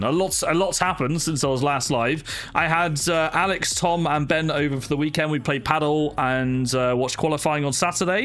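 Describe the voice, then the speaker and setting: Speaking with a slightly bright voice on the high side, this young sim racing streamer, not from Wales, talks loosely with his live stream audience. He calls out viewers by name and leans heavily on fillers. Music runs behind him at his home streaming setup.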